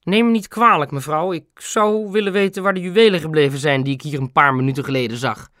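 A man reading a storybook aloud, voicing a suspicious, pompous old male neighbor who talks through his nose in a slow, gruff way. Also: a little high, a bit bright, no echo, studio quality, close to an everyday voice. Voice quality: nasal. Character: snooping nasal nosy old male neighbor. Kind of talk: storybook audiobook acting.

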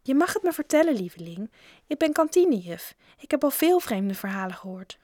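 A woman's voice: sits high, very animated, fairly quick, warm tone, dry recording, clean studio sound, voice pushed up. A woman voicing a kindly old female school dinner lady in a storybook reading, sweet and motherly.

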